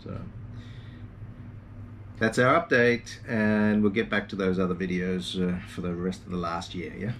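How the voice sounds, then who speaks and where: A man's voice: deep voice, level tone, a little slow, fairly bright tone, recorded from a distance, a little hiss or hum. A man in his forties giving a casual, rambling video update with lots of ums and uhs, recorded from a boat cabin on a camera mic. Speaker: sailing vlogger. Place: small boat cabin, indoors.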